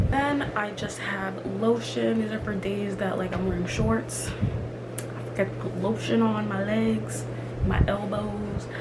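Chatty young woman with loud room hiss. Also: mid-range voice. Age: young adult. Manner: chatty, emphatic, many fillers like "like". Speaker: vlogger. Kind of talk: casual chat. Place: small indoor room. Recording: loud room ambience noise.

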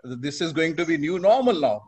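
A man's voice: fairly high pitch, sing-song, moderate pace, slightly rough. An older man with an Indian accent giving an informal, hesitant vote of thanks on a video call. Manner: hesitant, rambling. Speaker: webinar participant giving thanks. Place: living room at home, video call. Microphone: wired earphones.

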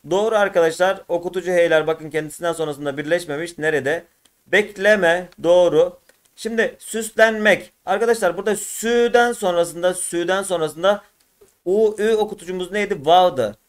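A man teaching an exam walkthrough lesson, addressing students as friends and drawing words out syllable by syllable. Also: high voice. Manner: slow, drawn-out syllable by syllable explanation.

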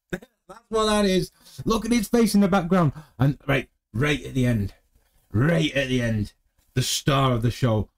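A man's voice: mid-range voice, measured pace. A British man in his thirties giving casual commentary as a reaction video host in a room at home. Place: small home room, indoors. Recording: music under the voice.

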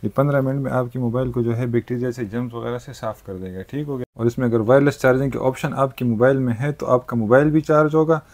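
A man, a shopkeeper demonstrating gadgets in a market shop. He talks in a brisk salesman's patter and keeps using polite forms of address. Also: medium pitch, fairly even intonation, a little mellow. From Pakistan. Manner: brisk salesman patter, frequent "thik hai" and "janab-e-wala". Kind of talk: product demonstration sales pitch.

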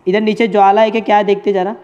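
A man's voice: high-pitched, level tone, quick pace, a little mellow, smooth, lo-fi sound. A man streaming a game live, chatting casually with his viewers and friends. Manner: chatty, addresses chat and friends as bhai.

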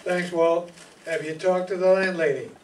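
An older amateur actor in a stage radio play narrates and questions as a wry, hardboiled private detective, sounding confident and lightly acted. His high, steady, somewhat mellow voice moves at a moderate pace. Recorded indoors in a small hall via a stand microphone and a far camera, the audio is noisy and distant through the hall PA.

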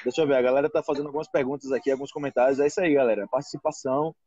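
A Brazilian man teaching Portuguese on a live stream from a restaurant, chatting in an animated way and acting out other people's voices. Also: mid-range voice, rapid-fire, slightly rough, highs cut off. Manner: animated, acts out quoted voices. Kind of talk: casual live chat.

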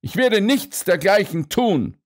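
A man reading an audiobook, voicing a blustering, indignant restaurant owner who protests loudly and huffily. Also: sits high, expressive, slow pace, pitched above the performer's own voice, heavily acted. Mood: protesting. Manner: huffy, loud, protesting.

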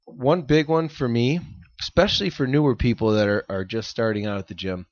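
A relaxed American man co-hosts a fitness podcast in a loose, rambling way, often breaking into laughter. His voice sits at an ordinary pitch. The sound is dull and lo-fi, with a dry, close feel. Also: a little fast, dry recording. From United States. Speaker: podcast co-host. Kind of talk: casual chat. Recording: dull lo-fi audio.

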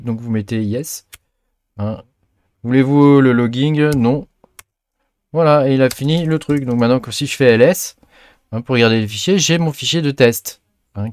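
Talking over a screen recording, a man hosting a crypto mining channel walks through a tutorial in a chatty way, full of fillers and a trailing "hein." His voice is medium-pitched and a little mellow, with no echo.

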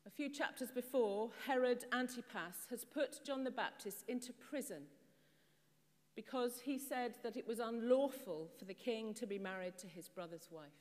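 A middle-aged woman priest with a fairly high-pitched voice delivers a sermon from the pulpit of a stone church. Her preaching is measured and explanatory, using rhetorical questions, and the distant camera mic captures a long church reverb.

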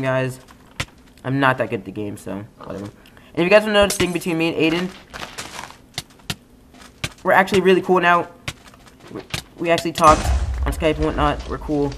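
A young man giving casual, rambling commentary over a game, trailing into mumbled asides and then suddenly yelling. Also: mid-range voice, slight background noise. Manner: rambling, excitable, swings between mumbling asides and sudden yells. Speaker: gaming YouTuber. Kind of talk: casual let's-play commentary.

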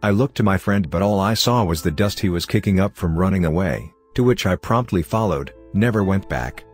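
Horror stories are told by a very deep-voiced man at an even, unhurried pace, with quiet music faint in the background.

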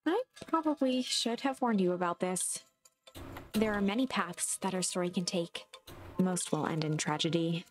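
A woman's voice: on the low side, normal speed, natural voice. A woman acting as a solemn storybook narrator for a mystery game, telling the tale in a scripted dramatic style. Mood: gentle, reassuring. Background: music.

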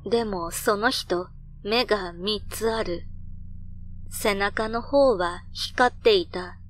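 A woman reading a scripted ghost story in a measured storytelling manner. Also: mid-range voice. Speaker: narrator of horror stories. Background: background music.

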